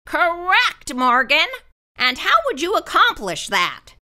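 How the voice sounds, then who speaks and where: A woman voicing a strict long-necked male monster teacher, speaking in a lower, measured and instructive way. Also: wildly swooping pitch, pushed and bright, heavily acted. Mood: stern, instructive.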